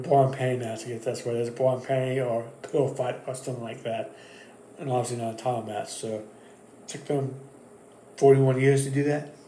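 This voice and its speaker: A man's voice: medium pitch, dark tone, slight background noise. A man hosting his own wrestling channel, giving casual predictions in a loose, rambling way full of fillers and restarts. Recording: echoey room.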